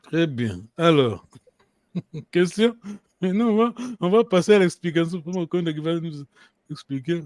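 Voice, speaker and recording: A man's voice: on the high side, animated, a little slow, darkish tone, no echo, studio quality. A man teaching a language class, hesitant, restarting his sentences and often checking that students follow. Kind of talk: online language lesson.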